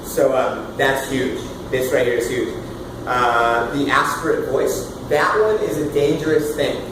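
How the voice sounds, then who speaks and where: A man in his thirties leading a casual singing workshop, loud and animated, swearing now and then and demonstrating sounds as he explains. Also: medium pitch, measured pace. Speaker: vocal coach. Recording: roomy, far from the mic, with room noise.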